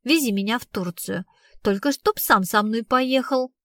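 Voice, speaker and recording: A woman's voice: on the high side, moderate pace, no room sound, clean studio sound, lightly acted. A woman reading the part of a blunt, streetwise young woman who tells her story in slangy, casual speech. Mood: flat. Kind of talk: audiobook reading.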